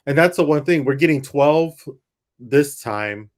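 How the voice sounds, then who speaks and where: A man's voice: on the high side, expressive, unhurried. A man co-hosting a casual chat about a TV premiere, easygoing and teasing. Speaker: watch party co-host. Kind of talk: casual pop-culture chat.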